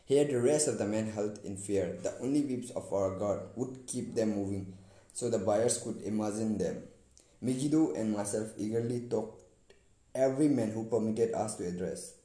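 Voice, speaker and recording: Dark-voiced man reading a story. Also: on the low side, echoey room, low-quality recording. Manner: deliberate reading with small stumbles. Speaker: narrator. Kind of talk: first-person story reading.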